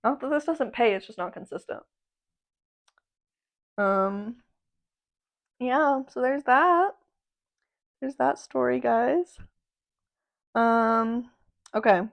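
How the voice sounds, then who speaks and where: A woman's voice: on the high side, slow pace, creaky, pauses often. A young adult woman hosting a podcast, rambling in casual slangy chat, swearing freely and laughing between remarks. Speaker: podcast host.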